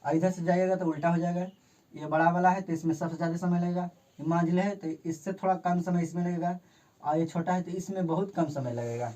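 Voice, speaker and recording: A man teaching an informal grammar lesson. He points at the board as he explains and restates each definition slowly, several times over. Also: high voice, steady tone, dark tone.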